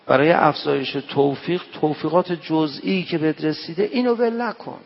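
A man's voice: a little high, vocal fry, breathy edge. A man from Tehran with a Tehran accent, giving a night-prayer sermon in a folksy, conversational way and acting out the dialogue of his anecdotes. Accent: Tehran Persian. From Tehran, Iran. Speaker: preacher. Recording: echoey dull hall recording.

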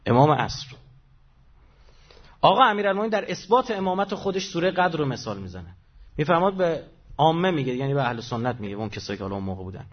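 A male preacher delivering a religious sermon with dramatic storytelling, swinging between hushed and loud, emphatic drawn-out phrases. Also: on the high side, slightly rough, muffled recording.

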